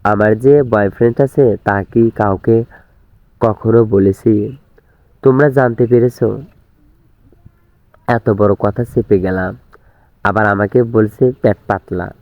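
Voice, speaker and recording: A cheeky young schoolgirl bickers in a pert, teasing way, voiced by a man reading a storybook. The tone is clear and smooth, and the sound is dry and phone-thin. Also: fairly low pitch, fairly even intonation, measured pace, long pauses, dry recording, natural voice. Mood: indignant. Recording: tinny narrow-band recording.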